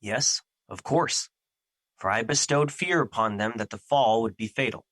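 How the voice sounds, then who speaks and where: Man acting as Fear, a bright-voiced, despairing spirit. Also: mid-range voice, normal speed, dry recording, clean studio sound, lightly acted. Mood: doubtful. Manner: formal, solemn, earnest diction. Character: Fear, male personified emotion, despairing, humble, doubting himself. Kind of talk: theatrical audio drama acting.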